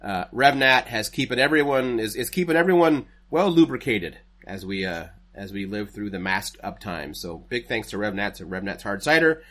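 A man's voice: lowish voice, expressive, moderate pace, few pauses, fairly bright tone. A man hosting a podcast from home, reading sponsor spots in a rambling, self-correcting way with nerdy asides. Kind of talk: casual chat with sponsor reads. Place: home setup, recording remotely.

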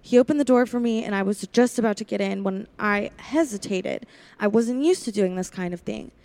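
A warm, creaky medium-pitched woman's voice, a little fast and natural, comes through a dry recording. She portrays a young, lonely drive-in waitress in a 1940s-style radio play, narrating in first person with a confiding, wistful and wary mood.

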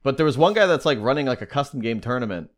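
A man's voice: mid-range voice, quick pace. Guy rambling on a chill gaming podcast, mid voice, lots of um and like. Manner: rambling, animated, lots of fillers and restarts. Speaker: podcast co-host. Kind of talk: casual chat.

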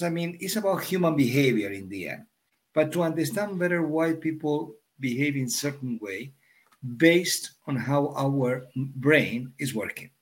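Halting man. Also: on the high side. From Argentina. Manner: halting, repeats words as he starts sentences. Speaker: guest, executive coach. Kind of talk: interview answers.

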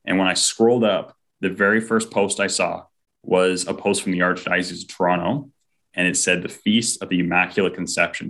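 This guest in an interview tells an earnest, heartfelt account of his faith, often voicing what people said to him. He has a low voice with a fairly bright tone.

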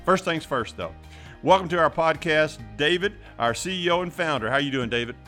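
A man's voice: fairly high pitch, expressive, a little fast, bright, forceful tone. Male podcast host with faint music behind. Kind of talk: hosting a financial discussion.

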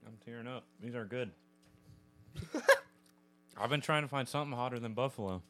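A man's voice: medium pitch, normal speed, a bit bright. Easygoing, jokey man co-hosting a podcast. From Arizona. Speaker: podcast co-host. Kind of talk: casual chat while eating hot wings. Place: podcast studio. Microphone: close podcast mic.

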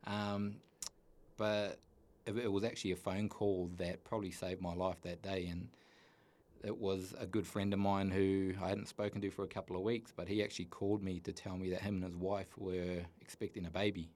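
A man in his thirties with a New Zealand accent, telling his personal story as a guest in an earnest, halting way with many restarts. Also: low-pitched, level tone, darkish tone.

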